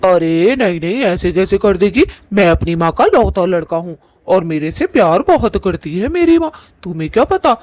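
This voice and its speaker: A man's voice: high voice, very animated, moderate pace, few pauses, a little mellow, no room sound. A man voicing a lovesick young ghost groom in a cartoon, coaxing and sweet-talking. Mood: pleading.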